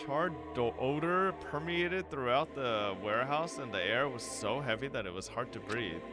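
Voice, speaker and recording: A man streaming a visual novel, reading its text aloud with wry, profane asides and a low hush for tense narration. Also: lively intonation, normal speed, over music. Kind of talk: reading game text aloud between casual remarks.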